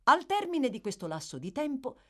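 A woman narrating a classic novel aloud in a measured, expressive storytelling manner. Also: high-pitched. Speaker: audiobook reader. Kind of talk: literary audiobook narration.

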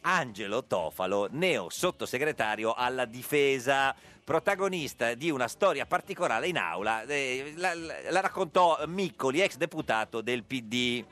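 A man's voice: medium pitch, animated, moderate pace, few pauses, a bit bright. A man hosting a satirical radio chat, teasing and full of stumbling restarts. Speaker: radio host.

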